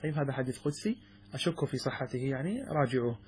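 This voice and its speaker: A man's voice: mid-range voice, expressive, quick pace, darkish tone, breathy edge. A middle-aged man, a sheikh, teaching a classical text in a classroom lesson, asking his students questions and answering them himself. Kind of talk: classroom lesson explaining verses.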